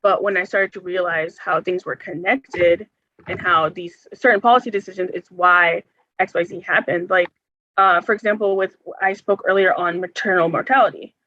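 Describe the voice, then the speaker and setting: Answering forum questions as a guest speaker, a young health care organizer from the United States speaks earnestly, though she stumbles over plenty of fillers and hesitations. Her fairly low voice is steady, bright and forceful at a normal pace. There's no room sound, but the recording comes across muffled and dull.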